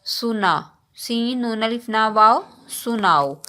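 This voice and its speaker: A woman teaching young children in an online lesson, speaking very slowly and deliberately. She spells words out letter by letter, repeats them patiently, and keeps checking that the children follow along. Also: a little high, animated, sharp tone.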